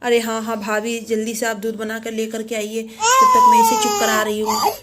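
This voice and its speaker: A woman's voice: fairly high pitch, lively intonation, normal speed, heavy background noise, close to an everyday voice. A woman voicing a harried young village mother fretting over her crying baby. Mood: fretful. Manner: fretful, loud.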